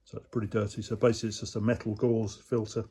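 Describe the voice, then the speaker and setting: In a workshop or shed, a motorcycle restorer who hosts a channel casually talks through a repair in a relaxed, explanatory way, using many fillers. His voice is fairly low, fast, and husky.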